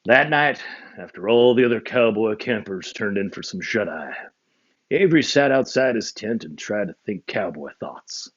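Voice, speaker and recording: A man reads a children's picture book aloud with a very lively, swooping voice. He drops low and quiet for the narration tags. The recording sounds muffled and lo-fi. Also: moderate pace, slightly rough. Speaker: storybook reader. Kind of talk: children's storybook read-aloud.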